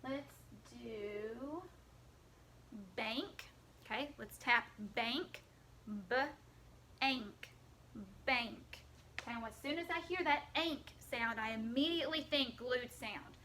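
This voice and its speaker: A woman's voice: on the high side, slow pace, pushed and bright, a little hiss or hum. A woman teaching a phonics lesson to young children, patiently stretching out the sounds of words.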